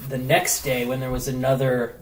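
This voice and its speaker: The mic sits far from this man, a travel blogger guesting on a podcast, who tells a story at a moderate pace in a medium pitch. Expect lively, loose talk heavy on "like" and profanity, plus room echo and faint hiss.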